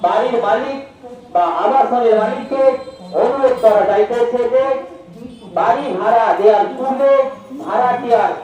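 High-voiced man over an outdoor loudspeaker. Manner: slow, measured, short phrases with pauses. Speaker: police announcer. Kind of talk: public safety announcement. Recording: echoey loudspeaker heard from far off.

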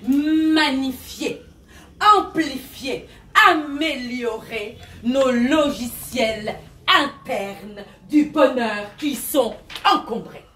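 A woman's voice: sits high, extremely slow, bright, forceful tone, slight background noise, exaggerated voice. A woman playing a grandiose self-esteem coach who preaches in a mock-solemn way, with a big cathedral-like echo around her voice. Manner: preachy mock-solemn call-and-response, mixes English jargon. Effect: big resonant cathedral-like echo. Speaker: stand-up performer. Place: large resonant venue. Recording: echoey room, mic far off.

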